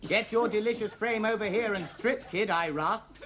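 A man's voice: high voice, normal speed, fairly bright tone. An actor playing a prim, churchy young airman who gets flustered reading racy pages aloud in a sitcom. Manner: prim, easily embarrassed. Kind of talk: 1970s sitcom acting. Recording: noisy TV recording with audience laughter.

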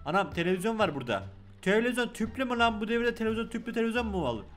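A young man with a Turkish accent giving joking, excitable let's-play commentary, talking loudly to the game's baby. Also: sits high, very fast, faint music behind. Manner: loud, joking, excitable, talks to the game baby. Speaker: gaming YouTuber.

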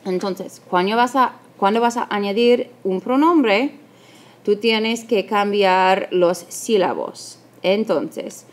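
A woman teacher narrating a recorded video lesson, patient and step by step, correcting her own slips aloud. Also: mid-range voice.

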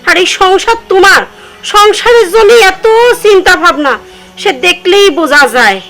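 An actress playing a suspicious, sharp-tongued village mother-in-law who taunts and accuses her daughter-in-law. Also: very high-pitched, lively intonation, moderate pace. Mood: sarcastic. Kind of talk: rural drama acting.

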